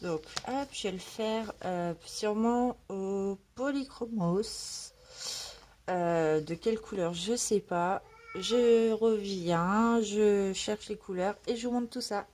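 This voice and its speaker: At home and just out of bed, a woman chats casually in a vlog about her coloring, hesitant and full of fillers. Her mid-range voice is slow and a little mellow, with slight background noise and a cat meowing.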